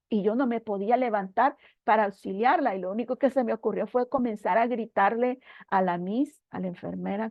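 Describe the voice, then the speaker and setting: Speaking in a creaky, medium-pitched voice, a woman tells her spiritual story at church and addresses the listener as brother, full of earnest feeling. The recording sounds dry, dull, and a little lo-fi.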